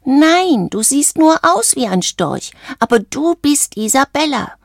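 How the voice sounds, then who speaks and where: A woman's voice: a little slow, creaky, no room sound, studio quality, exaggerated voice. A woman doing a jittery, earnest frog prince. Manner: high, excited and emphatic, keeps saying "honestly". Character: anxious earnest male frog who insists he is a prince. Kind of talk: storybook read aloud.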